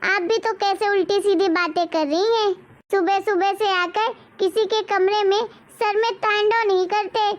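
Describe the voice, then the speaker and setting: A woman voicing a rude, defiant young daughter-in-law in a cartoon story, talking back in a sassy, bossy way. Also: very high voice.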